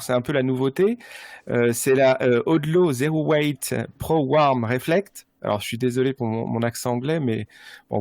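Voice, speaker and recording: A man's voice: medium pitch, dry recording. Hesitant man explaining running gear. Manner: explanatory, many hesitations and restarts. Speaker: running gear expert guest. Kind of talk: casual podcast conversation.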